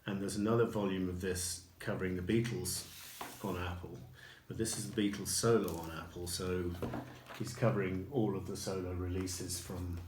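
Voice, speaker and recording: A man reviewing his purchases in a casual video, unhurried and dotted with ums and restarts. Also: lowish voice. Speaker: record collector showing purchases. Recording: echoey room with faint noise.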